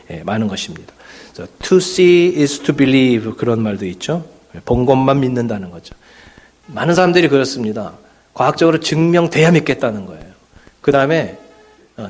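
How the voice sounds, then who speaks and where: A man preaching to his congregation in an easy, conversational way, dropping frequent fillers and little asides as he talks. His voice sits at a middle pitch for a man, and he sounds like a pastor speaking from a church sanctuary. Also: a little mellow. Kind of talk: sermon.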